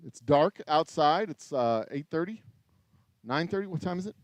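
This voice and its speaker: Working in his small craft distillery, a distillery owner in his forties with an American accent livestreams casually, rambling and cutting himself off with some mild swearing. His voice is a little high with lively intonation at a moderate pace, getting raspy after long talking, and the recording is dry.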